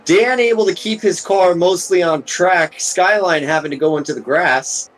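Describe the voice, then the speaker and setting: A man giving live sim racing commentary, excitable and joking, rising to shouts at incidents. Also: a little high, moderate pace, faint music behind, rough recording. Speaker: race commentator.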